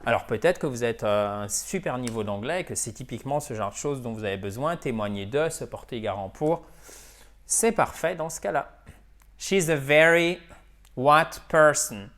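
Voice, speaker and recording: A man's voice: medium pitch, normal speed, fairly bright tone. A man teaching English in a video lesson, drilling pronunciation by repeating words and checking in with "ok?". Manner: switches between French and English.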